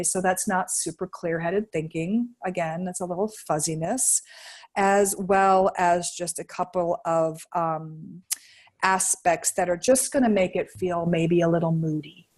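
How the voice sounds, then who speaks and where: A woman's voice: fairly low pitch, a little mellow. Rambling, laughing woman astrologer. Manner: rambling, searching for words, laughs often. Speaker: astrologer guest. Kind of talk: casual podcast chat.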